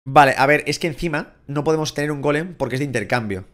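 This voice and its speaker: A young man from Spain with a Spain Spanish accent, giving casual, excitable, crude Let's Play commentary and shouting at the game. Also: a little high, fast talker. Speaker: gaming YouTuber.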